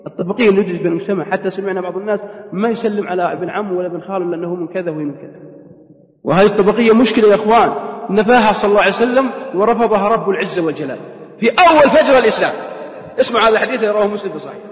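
A man with a Saudi accent giving a lively, humorous sermon and acting out the voices of the people in his stories. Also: sits high, very fast. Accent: Saudi Arabic. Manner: animated, acts out quoted voices. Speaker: preacher. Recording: echoey hall reverb.

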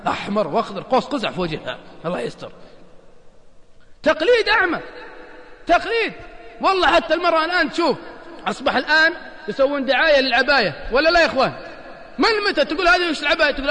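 A religious preacher with a Gulf Arabic accent and a very high voice delivers a colloquial sermon, with the sound of a big room. He's animated and joking, telling anecdotes and repeatedly asking his listeners, "isn't that right, brothers?"

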